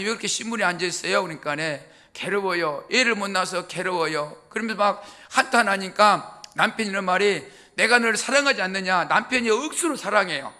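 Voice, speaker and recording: A man's voice: high voice, pushed and bright. A male pastor, preaching in a folksy, joking storytelling way. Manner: folksy, joking, laughs at own jokes. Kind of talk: humorous storytelling sermon.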